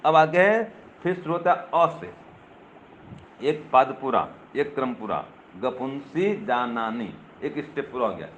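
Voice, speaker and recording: Older male preacher, lively and questioning, slightly muffled recording with faint ambience. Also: medium pitch, moderate pace, slight background noise. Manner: lively teaching tone, checks with rhetorical questions; addresses listeners directly, teasing. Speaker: swami. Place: gathering with a live audience.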